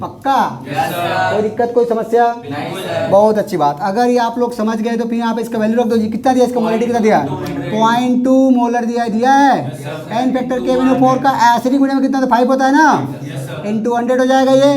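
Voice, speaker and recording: A man teaching chemistry in a classroom, quizzing his students call-and-response questions in an animated way. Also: extremely high pitch, brisk, a crowd in the background. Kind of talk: classroom lecture.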